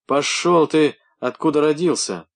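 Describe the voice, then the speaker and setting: A man reading an audiobook voices a rough, belligerent young village husband who shouts crude threats. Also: a little high, measured pace, voice pushed up. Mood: shouting.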